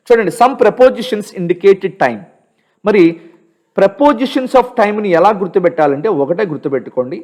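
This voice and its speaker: A man with a high voice and a Telugu accent gives a grammar lesson. He reads each example sentence slowly and carefully. Then he explains it and asks his listeners questions. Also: darkish tone. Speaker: teacher. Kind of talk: grammar lesson for exam students.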